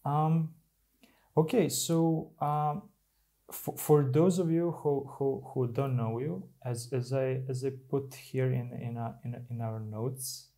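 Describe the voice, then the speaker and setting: Gravelly podcast host, halting speech. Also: male voice, mid-range voice, fairly even intonation, dark tone. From Serbia. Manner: halting, many restarts. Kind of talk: casual interview talk.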